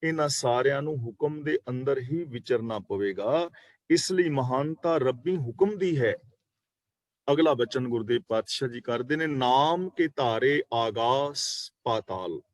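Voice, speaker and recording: A man teaching a scripture class, reciting verses slowly and then explaining each word, at times correcting how a word is pronounced. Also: medium pitch, no room sound. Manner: corrects pronunciation letter by letter. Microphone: online video call.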